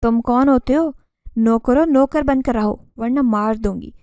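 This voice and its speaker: A woman's voice: fairly high pitch, moderate pace, mellow, dry recording, clean studio sound, close to an everyday voice. A woman voicing a vengeful, scheming aunt who speaks bitterly and growls threats.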